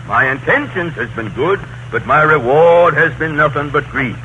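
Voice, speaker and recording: An actor playing a grumpy, folksy old Santa Claus in 1930s radio comedy, with rustic, ungrammatical speech. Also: male voice, a little high, lively intonation, moderate pace, pushed and bright, muffled recording. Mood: grumpy, aggrieved. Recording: noisy 1930s radio broadcast recording.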